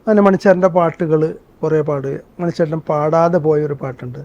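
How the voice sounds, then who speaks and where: An actor and singer, interviewed as a guest, tells stories earnestly and breaks into sung excerpts. His voice is a little high, brisk and darkish, and the recording sounds dull and muffled.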